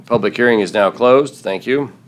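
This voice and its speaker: A man serving as mayor, chairing a city council meeting in a brisk, procedural way with the odd dry joke. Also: fairly low pitch.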